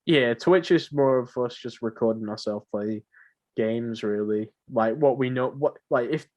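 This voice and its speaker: On lo-fi audio, a teenage guy of seventeen, unhurried and a little mellow in his mid-range voice, co-hosts a podcast. He jokes around and uses slang while casually discussing games.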